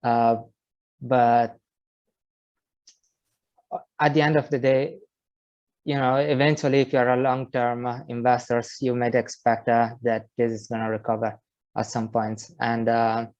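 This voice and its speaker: A man's voice: mid-range voice, flat delivery, measured pace, pauses often, darkish tone, no echo, highs cut off. A man speaking as a guest on a video call panel, hesitant and full of fillers.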